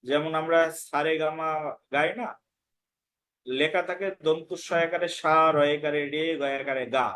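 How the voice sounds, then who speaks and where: A man's voice: a little high, fairly even intonation, a little slow, a bit bright. A man teaching a scripture class, patiently repeating words to demonstrate correct pronunciation. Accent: Bengali. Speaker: Gita course teacher. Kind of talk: pronunciation lesson.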